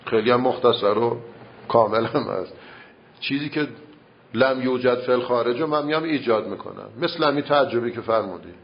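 A man's voice: medium pitch, gravelly, muffled recording. A man teaching a seminary class, patiently explaining and arguing a point with many rhetorical questions. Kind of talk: classroom debate on grammar and logic.

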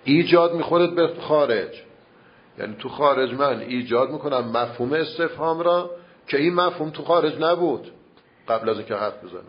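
A man's voice: on the high side, animated, highs cut off. A man teaching a seminary class, patiently explaining and arguing a point with many rhetorical questions. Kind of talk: classroom debate on grammar and logic.

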